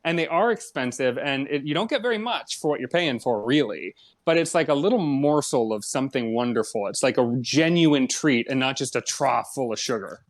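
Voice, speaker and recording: A man's voice: mid-range voice, lively intonation, fairly quick. A man co-hosting a casual podcast, explaining his opinions thoughtfully and at length. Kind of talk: casual chat.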